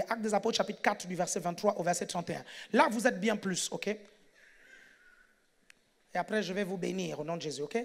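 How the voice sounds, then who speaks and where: A man preaching a sermon in a church, shouting and animated, calling for responses from the congregation. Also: high-pitched.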